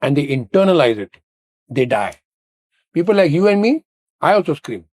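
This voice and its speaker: A man's voice: on the high side, very animated, normal speed, darkish tone, dry recording. A man hosting a conversation, explaining ideas earnestly with rhetorical questions. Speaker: podcast host.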